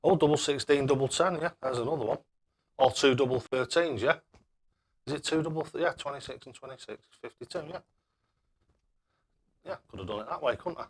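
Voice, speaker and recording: A man's voice: medium pitch, a little fast, pauses often, a little hiss or hum. A man chatting casually on a live stream as he plays darts, matey and self-deprecating.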